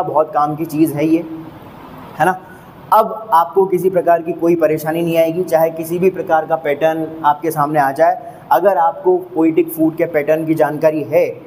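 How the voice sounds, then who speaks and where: A male teacher with a high voice walks through a lesson step by step, counting out each unit aloud and pausing to ask if it is clear. His voice rings with a long reverb, and a faint hiss sits underneath. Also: darkish tone. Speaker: English teacher. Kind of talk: classroom lecture.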